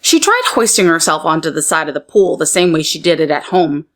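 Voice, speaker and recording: Her voice sitting low, a woman narrates a children's story as a read-aloud storyteller, with expressive, deliberate phrasing suited to young listeners.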